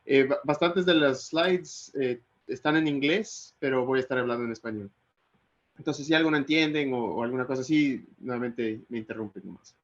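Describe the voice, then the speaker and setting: A man's voice: mid-range voice, moderate pace. Guy from ecuador teaching over a video call, lots of ehs and restarts, kinda muffled audio. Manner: hesitant, many fillers and restarts. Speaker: lecturer. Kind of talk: online technical lecture.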